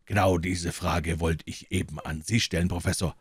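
A calm, measured detective, polite and unhurried, as the narrator voices him. The voice sits low and quiet, close to the mic, with no room around it. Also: male voice, breathy edge, dry recording. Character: calm, dry-witted male detective.

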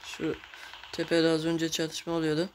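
A man's voice: fairly high pitch, moderate pace. Fired-up guy cursing through a mobile game match, noisy mic. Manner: excitable, cursing, talking to viewers while playing. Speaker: gamer. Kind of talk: casual gameplay commentary.

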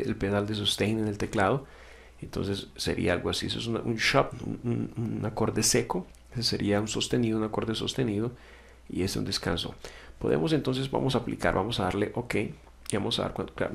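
A man teaching music software step by step in a screen-recorded tutorial, patiently explaining, correcting himself and checking in with "ok?". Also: on the low side, gravelly.

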